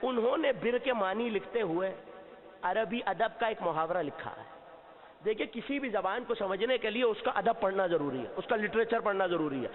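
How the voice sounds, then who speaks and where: A man giving an impassioned sermon to a seated gathering, asking the listeners questions and at times shouting. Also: high voice, expressive. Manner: impassioned, rising to shouts at key points; asks the audience questions and answers himself. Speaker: Shia cleric giving a majlis sermon. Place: mosque or hall before a seated gathering. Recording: long reverb, tinny phone-like sound.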